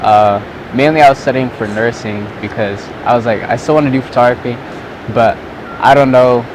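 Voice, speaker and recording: A young man from Southern California, who vlogs and takes photos, talks casually to the camera outside as the sun sets, amid traffic sounds. He speaks at a normal pace in a mid-range voice with fairly even intonation, rambling and saying "like" a lot.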